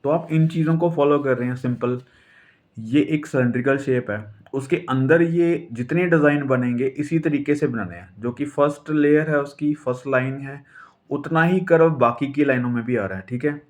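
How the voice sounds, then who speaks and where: Calm Indian man teaching drawing. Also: mid-range voice, moderate pace. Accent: Punjabi-tinged Hindi. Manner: calm, patient, explains while drawing, says "theek hai" often. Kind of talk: step-by-step drawing lesson.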